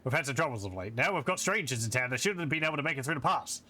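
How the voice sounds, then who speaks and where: A man's voice: medium pitch, animated, racing, sharp tone. A man voicing a wary fantasy-game town guard, stern and demanding. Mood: stern, suspicious.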